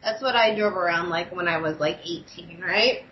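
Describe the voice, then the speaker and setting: A woman's voice: on the low side, normal speed, roomy sound, lo-fi sound, slight background noise. A woman hosting a podcast, telling a story in casual chat, with an easy laugh.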